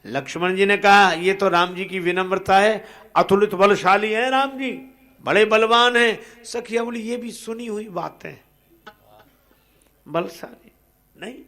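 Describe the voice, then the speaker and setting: A man telling a devotional story and moving between recited verses and spoken narration, with an expressive delivery. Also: high-pitched, measured pace.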